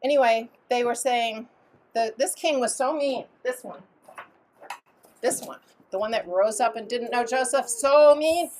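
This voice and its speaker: A woman with a somewhat high voice tells a story to children at home. She plays it up with bright, lively swings of pitch and a playful manner. Faint room noise sits behind her. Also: a little slow, long pauses, rough recording. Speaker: storyteller at a family Passover seder. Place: family home.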